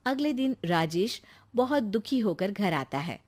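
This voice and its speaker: A woman's voice: medium pitch, expressive, a little slow, a little mellow. A woman reading scripted narration for a moral story as its narrator.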